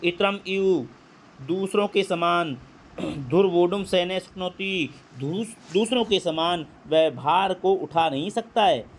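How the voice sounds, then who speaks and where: A man's voice: high voice, slight background noise. Man teaching Sanskrit line by line. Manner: reads Sanskrit slowly, then explains in Hindi. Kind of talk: line-by-line translation lesson.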